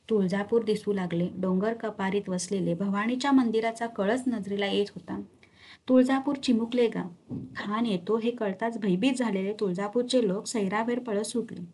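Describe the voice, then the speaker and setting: A woman narrates a historical novel with steady, dramatic storytelling. Her voice is husky and somewhat breathy, pitched in a middle range.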